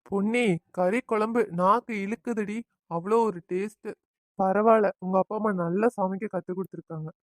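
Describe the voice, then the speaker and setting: A woman's voice: medium pitch, steady tone, normal speed, no echo, natural voice. A woman voicing a young husband, tender to his wife and firm with his mother, in a family cartoon. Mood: affectionate. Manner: warning, insistent, affectionate to wife. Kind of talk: cartoon voice acting.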